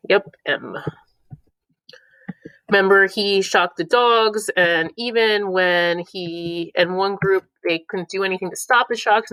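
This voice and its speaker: A woman's voice: lowish voice, a bit bright, no room sound, low-quality recording. A woman teaching a review lesson, playful, breaking into silly voices for the clues between explanations. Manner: playful, reads clue lines in put-on voices.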